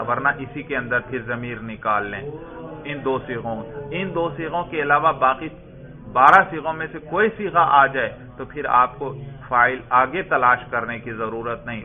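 A man giving a grammar lesson, reading Arabic text aloud, then explaining it, asking his students questions and answering them himself. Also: mid-range voice. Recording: tinny phone-like lo-fi sound.

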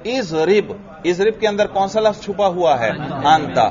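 A man's voice: sits high, crowd noise. A man teaching a grammar lesson to a class, often asking students questions and repeating their answers. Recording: dull lo-fi recording.

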